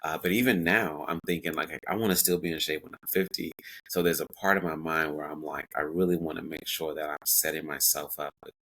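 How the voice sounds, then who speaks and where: Podcast guest, male, 40s, very low bright voice, reflective and chatty. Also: fairly even intonation, fairly quick, rough recording. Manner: reflective, many fillers and self-quotes. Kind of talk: casual interview talk.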